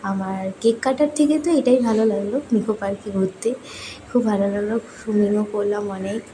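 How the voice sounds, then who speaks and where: A young woman from West Bengal chats cheerfully to her viewers while vlogging, talking to them directly. Her voice is slightly hoarse, and her pitch sits in a middle range. Clear outdoor noise runs under her speech. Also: fairly even intonation, a little fast. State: hoarse from swimming. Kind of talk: casual vlog narration. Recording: noisy outdoor ambience.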